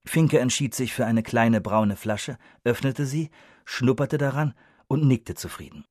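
A man reads an audiobook in a measured, expressive narration at a medium pitch. The sound is close and dry. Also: no echo.

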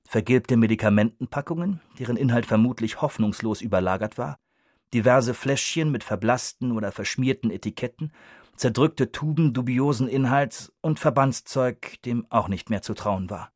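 A man reads an audiobook in a measured, expressive narration at a medium pitch. The sound is close and dry. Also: dry recording.

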